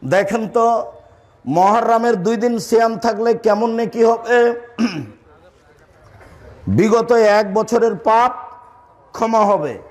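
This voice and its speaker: A man's voice: sits high, slow pace, long pauses. An older man preaching a sermon, teaching his audience, repeating key points, asking them questions and scolding those who talk. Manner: scolds listeners for talking. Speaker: Islamic preacher.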